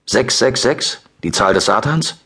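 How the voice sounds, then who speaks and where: A man's voice: medium pitch, lively intonation, unhurried, bright, forceful tone, breathy edge, exaggerated voice. A man voicing a bull-necked guard commander in his early fifties, who talks in a cold, hissing, threatening way and drops into menacing whispers. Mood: mocking.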